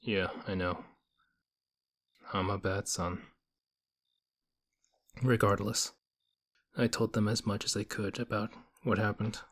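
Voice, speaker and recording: In an intimate audio roleplay, a man plays a stoic young nerd who is reserved yet quietly affectionate. He speaks in deadpan, measured phrases with a fairly low pitch and a subdued, matter-of-fact mood.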